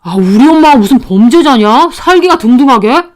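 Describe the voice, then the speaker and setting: An evasive young husband who brushes off complaints and defends his mother, spoken in a high voice, as a woman reads his lines in a dramatized story. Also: lively intonation, normal speed, a little mellow. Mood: defensive. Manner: defensive, dismissive.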